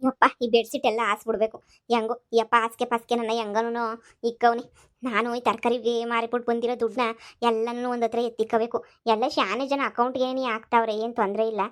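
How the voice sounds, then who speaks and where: A woman voicing a remorseful village mother in a cartoon comedy. Her voice is high-pitched. She pleads with raw emotion. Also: level tone, a little fast. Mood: caring. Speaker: cartoon voice artist. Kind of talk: cartoon voice acting.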